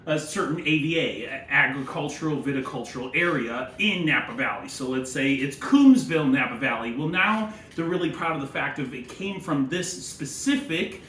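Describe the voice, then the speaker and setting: A man with a fairly high, animated, slightly bright voice talks at a moderate pace with few pauses. He's a sommelier and presenter giving casual tasting commentary, wry, opinionated and packed with wine jargon. The room is echoey, with faint background noise.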